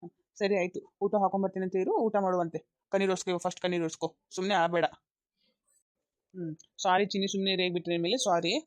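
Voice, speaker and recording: A woman's voice: lowish voice, little pitch movement, fast talker, darkish tone, no room sound, close to an everyday voice. A woman voicing a young husband caught between his wife and his mother, insistent and coaxing, repeating himself. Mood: soothing.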